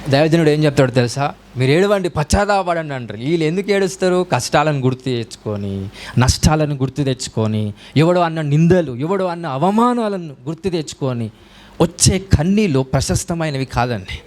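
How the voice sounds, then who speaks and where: A man preaching a sermon as a pastor, breaking into raised shouts of hallelujah. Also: fairly high pitch. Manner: preaching in Telugu mixed with English, with rising shouts of hallelujah.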